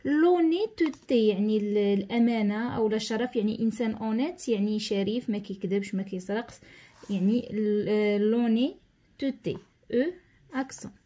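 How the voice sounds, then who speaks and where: A woman with a Moroccan accent teaching a lesson, explaining step by step, repeating key terms and reading instructions slowly and deliberately. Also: mid-range voice, warm tone. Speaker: schoolteacher. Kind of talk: tutorial lesson.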